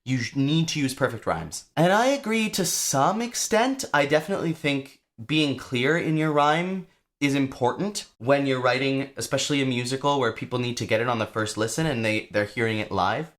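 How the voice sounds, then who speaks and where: A young adult man explaining songwriting to viewers in a chatty, lively way, with casual asides. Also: mid-range voice, normal speed. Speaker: songwriting teacher.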